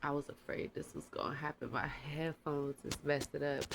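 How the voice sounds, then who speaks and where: Relaxed and rambling, a tarot reader leads a casual reading on her channel, using plenty of slang. The voice is congested and creaky, medium-pitched, and moderately paced, with slight background noise.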